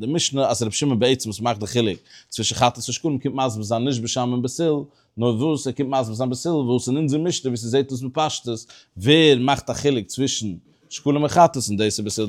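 A man teaching a Talmud study lesson, explaining step by step in a halting way with many restarts and pauses. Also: mid-range voice. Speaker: religious teacher.

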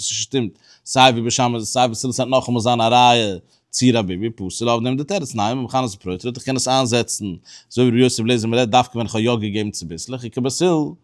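A man at a middle pitch leads a Talmud study class. He explains point by point, stopping and restarting often as he works through each idea. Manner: halting and explanatory, with many restarts. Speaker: religious teacher.

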